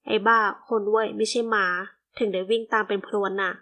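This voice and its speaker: A woman reading the part of a grumpy, gruff young man who talks bluntly and complains a lot, in an audiobook. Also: mid-range voice, steady tone, a little fast, fairly bright tone, natural voice. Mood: grumbling.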